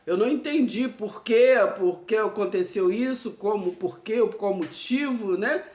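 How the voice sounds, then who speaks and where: A woman with a Brazilian accent telling a personal supernatural story in a halting, emotional way, full of restarts and nervous laughter. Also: medium pitch, animated, a little mellow. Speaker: host of a live stream. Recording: echoey room.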